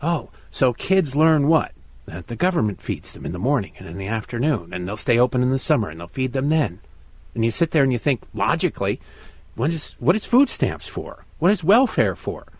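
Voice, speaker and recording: A man's voice: medium pitch, breathy edge, dry recording. A middle-aged American man filling in as a talk radio host, delivering an opinionated monologue with sarcastic, mocking asides.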